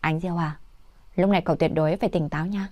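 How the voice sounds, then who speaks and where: A woman's voice: fairly low pitch, fairly even intonation, fast, mellow, no echo, close to an everyday voice. A woman voicing a pregnant office friend who urges and insists. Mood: urging. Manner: insistent, urging.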